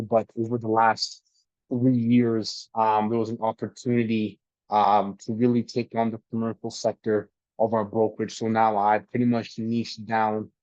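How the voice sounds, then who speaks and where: Muffled conference-call man, low voice. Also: a little mellow, dry recording. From Canada. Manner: conversational, restarts and repeats words often. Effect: muffled conference-call audio through headphones. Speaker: mortgage broker guest. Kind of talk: self-introduction on a group video call. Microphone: headphone mic on a video call. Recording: muffled dry video-call audio.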